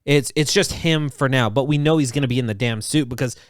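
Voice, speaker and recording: A man co-hosting a casual podcast, running through entertainment news with excitement. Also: mid-range voice, dry recording, studio quality. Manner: excited, fast-moving news rundown. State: has the hiccups. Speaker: podcast co-host. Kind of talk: casual chat.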